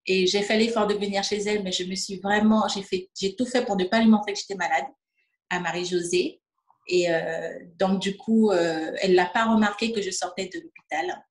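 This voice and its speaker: A distributor from French Guiana, in her fifties, gives a testimonial interview in an echoey room, using a medium-pitched, steady voice at normal speed. Her telling is hesitant and full of fillers, and she performs quoted dialogue.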